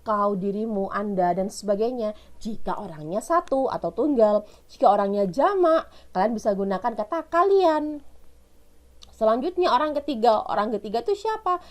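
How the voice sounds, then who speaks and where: A woman teacher with an Indonesian accent giving a recorded lesson, explaining step by step and asking her pupils questions she answers herself. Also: medium pitch.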